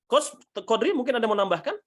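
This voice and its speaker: A man coaching public speaking, answering audience questions in an energetic, emphatic way, often restarting sentences and building points step by step. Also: extremely high pitch, quick pace. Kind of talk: Q&A teaching session.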